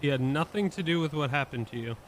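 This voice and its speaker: A man streaming game role-play, firing off rapid, incredulous questions. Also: a little high, lively intonation, slight background noise.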